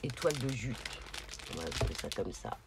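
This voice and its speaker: Showing her craft haul in a laid-back video, a woman speaks in an extremely low, sing-song voice with vocal fry, a little fast, stopping often to hunt for words. Packaging rustles and crinkles noticeably in the background.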